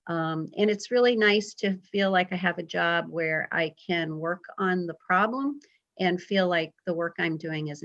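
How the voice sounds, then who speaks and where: A woman's voice: mid-range voice, a bit bright, highs cut off. Chatty woman in her fifties on a video call. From Vermont. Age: 50s. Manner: friendly, chatty, frequent ums and uhs. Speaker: guest speaker, health emergency preparedness specialist. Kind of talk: informal presentation on a video call.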